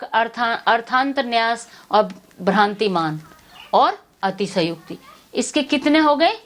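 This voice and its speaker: A woman teaching a Hindi grammar lesson to students, repeating terms and asking herself questions before she answers them. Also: a little high.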